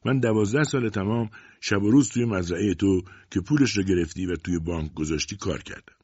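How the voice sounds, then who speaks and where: A man's voice: fairly low pitch, a little mellow, slightly rough, no room sound, muffled recording. A man voicing a young man who pleads earnestly and insistently with his father in an audiobook.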